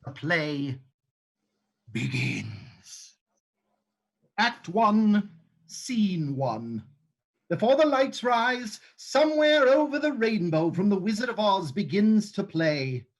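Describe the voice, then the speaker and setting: Speaking slowly in a high, gravelly, very animated voice, this narrator-playwright works through a play reading's cast list and stage directions with dry sarcasm on the side. The sound comes from a home mic on a livestream.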